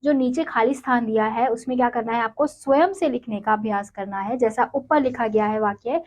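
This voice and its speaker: A woman with a fairly high, darkish-toned voice, speaking fairly quickly, leads young children through reading and writing. She patiently sounds out each syllable before blending them into words, in a slow, syllable-by-syllable lesson.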